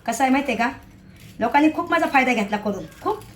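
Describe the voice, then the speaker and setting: A woman's voice: high voice, lively intonation, quick pace, slight background noise. A middle-aged woman vlogging casually, chatty and emphatic, often asking her viewers if they agree. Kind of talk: casual rambling vlog to viewers.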